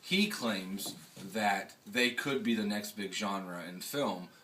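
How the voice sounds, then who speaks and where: Taking his time, a man with a low, bright, forceful voice hosts a laid-back video blog. His commentary is emphatic and full of rhetorical questions, captured from a distance with faint noise behind him.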